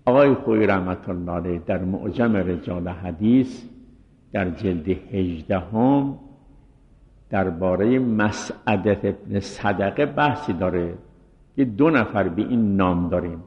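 A middle-aged man teaches a seminary class in a measured, scholarly way and recites Arabic quotations. His voice sits a little low. The recording is muffled and lo-fi, with a long hall reverb trailing after his words. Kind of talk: scholarly lecture on hadith narrators.

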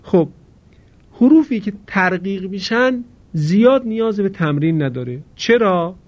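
Male tajweed teacher with a fairly high voice, slow careful delivery, dull lo-fi sound. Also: lively intonation. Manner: slow, deliberate, drawn-out demonstrations of words. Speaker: Quran recitation teacher. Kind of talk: tajweed lesson. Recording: dull lo-fi recording.

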